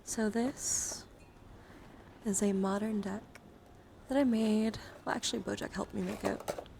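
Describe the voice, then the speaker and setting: A woman hosts an indoor ASMR livestream with a hands-on camera, showing and reading out trading cards in a gentle blend of whispers and soft talk. Chatty and encouraging, she has an ordinary mid-range, gravelly voice with fairly even intonation and a slightly slow pace. Noticeable background noise runs through the recording.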